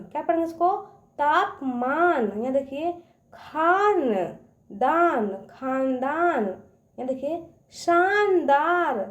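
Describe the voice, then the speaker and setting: A woman teaching children to read, slowly drawing out each word and often checking that they understand. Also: sits high, echoey room. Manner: slow, stretched-out word-by-word dictation; keeps checking understanding with questions. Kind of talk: children's reading lesson.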